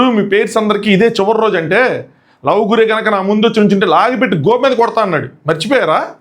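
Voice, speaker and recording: A man hosting a casual comic review, mocking and excitable with slangy asides. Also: high-pitched. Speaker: show reviewer and host.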